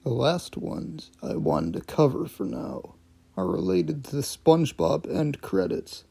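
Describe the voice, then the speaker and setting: A man hosts a casual video series reviewing analog horror clips, delivering his essay in an informal, opinionated style with plenty of swearing. His voice is a little high, sing-song, creaky and mellow, and he takes his time.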